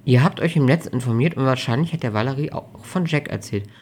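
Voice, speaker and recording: A caring woman in her thirties, read by an audiobook narrator, speaking in a soft, soothing tone. She is calm and steady, and her voice stays gentle throughout. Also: mid-range voice, fast, a little hiss or hum, lightly acted. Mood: tender. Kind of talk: audiobook reading.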